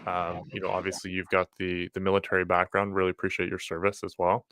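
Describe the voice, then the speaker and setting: A man's voice: sits low, monotone, fast, fairly bright tone, no room sound. A man hosting a casual conversational interview in an informal, friendly way. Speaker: podcast host.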